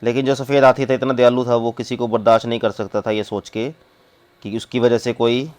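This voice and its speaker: A man, teaching a class by reading a story aloud slowly and explaining each line in Hindi. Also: medium pitch, flat delivery, a little mellow. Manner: reads English slowly, then explains in Hindi.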